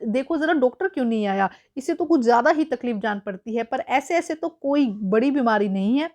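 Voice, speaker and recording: A worried mother frets over her sick boy in a schoolbook one-act play, anxious yet soothing, voiced by a woman teacher reading aloud. The voice sits high. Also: animated, fairly quick, a little mellow, natural voice.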